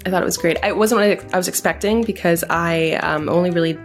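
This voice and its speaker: A woman's voice: fairly low pitch, quick pace, soft background music. A woman romance author, a podcast guest, chatting enthusiastically and laughing often as she reads and discusses erotica.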